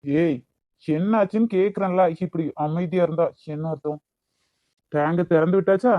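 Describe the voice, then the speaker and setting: A man's voice: on the high side, normal speed, no echo, natural voice. A man voicing a bossy hot-tempered young lover. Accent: Kanyakumari Tamil. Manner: demanding, brusque. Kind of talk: cartoon voice acting. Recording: dull lo-fi recording.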